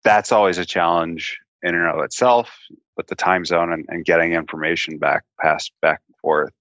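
A man's voice: low voice, steady tone, moderate pace, fairly bright tone, no room sound. A man chatting casually as a co-host, agreeing and adding his own experience. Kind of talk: casual chat. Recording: slightly dull, lo-fi sound.

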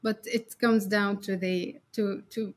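A woman's voice: medium pitch, little pitch movement, slow. Laughing young woman from Syria. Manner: friendly, laughs often, repeats words. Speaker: interview guest, developer. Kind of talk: casual interview.

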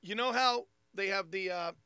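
Male comedian, thick Long Island accent, high bright voice, telling stories casually in a halting, repetitive way. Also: clean tone, no room sound. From Long Island, New York. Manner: halting, repeats phrases, acts out dialogue. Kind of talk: casual comic storytelling among friends.

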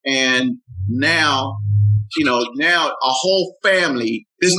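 An older man who mentors youth, talking earnestly in an interview, often repeating himself and rising in pitch when moved. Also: slow, pushed and bright, poor audio. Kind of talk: heartfelt conversational interview.

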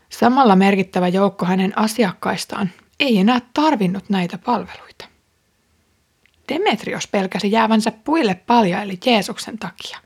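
A woman reading a Bible passage aloud and then explaining it, in a calm, measured manner. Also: mid-range voice, slightly rough. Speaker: Bible reader and teacher. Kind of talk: scripture reading with commentary.

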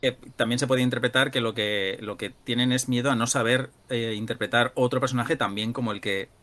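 Guy on a movie podcast, dry jokes, thoughtful, mid pitch, bright edge. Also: fairly even intonation, fairly quick. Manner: dry wit, thoughtful asides. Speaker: podcast co-host. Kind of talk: casual chat about films.

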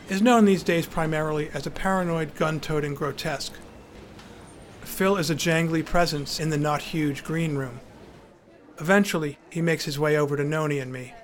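A man's voice: a little high, slight background noise. A man narrating his memoir in a wry, dryly humorous way.

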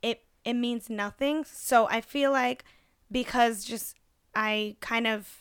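A woman's voice: a little high, takes it slowly, clear, resonant tone, no echo, clean studio sound. A young woman in casual podcast chat, talking freely with lots of fillers. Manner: chatty, many fillers, animated.

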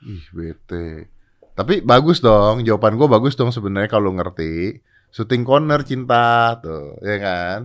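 A man hosting a casual chat, bantering and swinging between mumbled asides and loud outbursts. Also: fairly low pitch, animated, measured pace. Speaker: podcast host.

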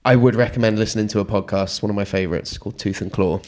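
A man's voice: on the low side, steady tone, fast, darkish tone, slight background noise. A man co-hosting a travel podcast, chatting casually and sharing trivia with enthusiasm. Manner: enthusiastic, shares trivia and recommendations. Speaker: podcast co-host. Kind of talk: casual chat.

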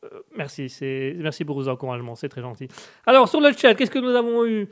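A man hosts a live stream with a fairly high voice. He chats loosely and jokes with the viewers, often stumbling over repeated words. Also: lively intonation, a little fast. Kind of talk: casual live-stream chat.

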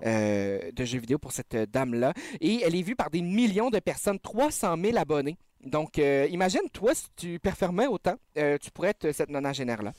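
A man's voice: on the high side, lively intonation, brisk, hardly any pauses, a little mellow, dry recording, studio quality. A man co-hosting a show, teasing and hesitant in casual chat. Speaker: radio co-host.

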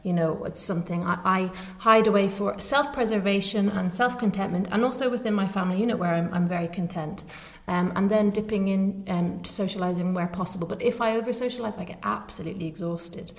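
Candid woman in relaxed conversation. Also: mid-range voice, a little fast, vocal fry. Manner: candid, reflective, laughs easily. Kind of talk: casual chat.

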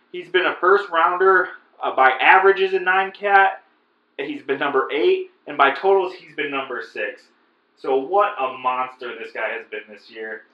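A man co-hosting a fantasy basketball podcast in a loose, casual way, heard over degraded, dropping stream audio. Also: on the high side. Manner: loose, conversational, many fillers like "like" and "sure". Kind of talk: casual analysis chat. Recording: muffled echoey lo-fi stream.

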